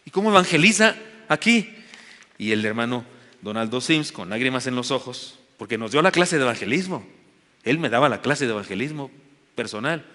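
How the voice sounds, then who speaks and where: A man with a Mexican Spanish accent preaches as a pastor, his mid-range voice fairly quick and fairly bright. He tells a story earnestly before building to emphatic exhortation. The church sanctuary gives the recording a long hall reverb.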